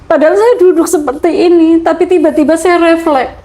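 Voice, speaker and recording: A woman's voice: extremely high pitch, fairly even intonation, a little fast, mellow. A woman in her forties from Purwokerto, Indonesia, giving an earnest, heartfelt personal testimony in an interview, with hesitant restarts. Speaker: interviewee telling her conversion story.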